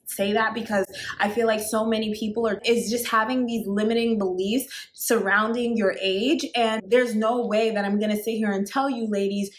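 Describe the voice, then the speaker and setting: A woman in her thirties, working as a dating coach, talks directly to camera with advice for women, her voice medium in pitch. Chatty and emphatic, she repeats "like" and "actually" a lot. The recording has a roomy quality.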